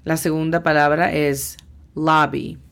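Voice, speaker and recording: A woman's voice: sits low, level tone. A woman teaching English vocabulary, spelling out each word sound by sound. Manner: slow, spells words out sound by sound. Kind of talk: language lesson.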